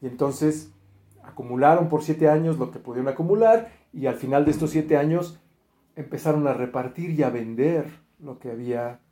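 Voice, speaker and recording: A man preaching a sermon, retelling a Bible story in a lively way and acting out the quoted speech, with frequent fillers and restarts. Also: fairly high pitch, moderate pace, reverberant.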